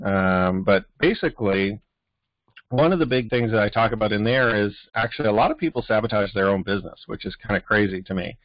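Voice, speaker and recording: A man's voice: lowish voice, fairly quick, dry recording, highs cut off. A man with a Canadian accent hosting a business training call, talking casually with lots of fillers and restarts. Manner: rambling, many fillers and restarts. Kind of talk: casual motivational talk.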